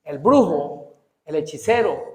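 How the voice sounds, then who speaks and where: Fast-talking pastor, high voice. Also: male voice. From Colombia. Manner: animated, asks the congregation frequent rhetorical questions; fast-talking, trips over his words. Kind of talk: sermon. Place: church. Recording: echoey church hall.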